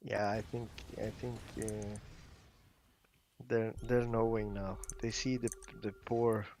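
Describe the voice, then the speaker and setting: Man, esports co-caster, low voice, halting remarks, faint background noise. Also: flat delivery, a little mellow. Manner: short interjections, halting restarts. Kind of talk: live game commentary.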